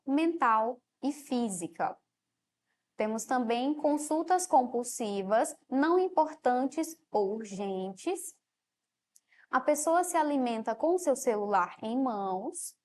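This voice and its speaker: Woman teacher, Brazilian Portuguese accent, fairly high voice, explanatory, checks in with a soft "ok?". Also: lively intonation, takes it slowly. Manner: explanatory, often ends phrases with a quieter "ok?". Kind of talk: televised classroom lesson. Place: studio.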